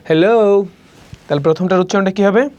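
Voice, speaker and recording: A woman from Bangladesh with a Bangladeshi accent, teaching a spoken English class and slowly repeating each word to drill pronunciation. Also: lowish voice, expressive, a little mellow, dull audio. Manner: slow, drawn-out drilling of words, repeating each several times.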